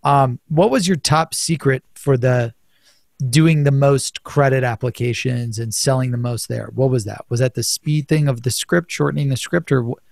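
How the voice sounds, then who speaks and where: Young male host, gravelly voice, dry close mic, loose and excitable, drops in swear words. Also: medium pitch, moderate pace, dry recording. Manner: enthusiastic, casual, swears, says dude. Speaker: podcast host. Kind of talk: casual interview chat.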